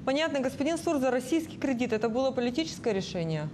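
A woman's voice: sits high, sing-song, fast talker, noisy background. A woman in her thirties puts formal political interview questions as a TV host, on a lapel microphone in a studio. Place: indoor TV studio.

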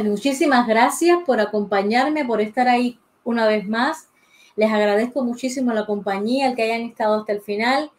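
A woman's voice: fairly high pitch, rough recording. Chatty woman teaching drawing live. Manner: chatty, thinks aloud while drawing, greets viewers by name. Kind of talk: casual live drawing tutorial. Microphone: desk mic beside the pencil sharpener.

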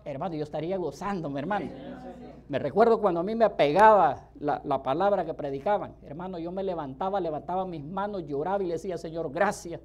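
Male preacher, sermon delivery, mellow tone, emphatic, swings between soft asides and loud bursts. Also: on the high side, fast talker, dull audio. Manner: emphatic, keeps calling out to the listeners.

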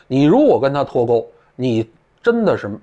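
A man talks through his views in blunt, colloquial commentary, throwing in profane asides. His pitch rises and falls in a lively way. The audio is dull and lo-fi. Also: moderate pace. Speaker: political commentator. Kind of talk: casual spoken commentary.

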